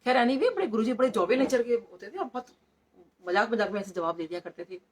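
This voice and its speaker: A woman's voice: fairly high pitch, animated, fast, crowd noise. A middle-aged woman, a doctor, sharing devotional stories at a satsang, slipping English words into her narration. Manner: storytelling, code-switching into English.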